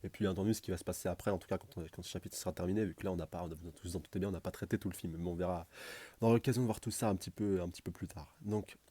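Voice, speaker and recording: A man with a very low, dark voice rattles through a manga chapter in loose, chatty commentary, often restarting his sentences. He talks quickly, and the sound is dry and close. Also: steady tone, breathy edge, no room sound. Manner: rambling, full of restarts and fillers, chatty. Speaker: manga reviewer. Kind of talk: casual live commentary.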